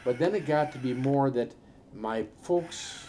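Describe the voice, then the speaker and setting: In an oral history interview, an older man raised in a Norwegian-speaking farm family in the upper Midwest shares halting, meandering memories full of fillers. His voice is mid-range and warm, with slight background noise.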